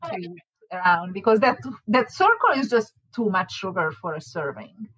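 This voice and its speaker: A woman's voice: medium pitch, sing-song, moderate pace, fairly bright tone, husky, no echo, poor audio. A woman from Hungary with a Hungarian accent, chatting casually as a baking class teacher, laughing often and restarting her words. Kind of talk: casual chat.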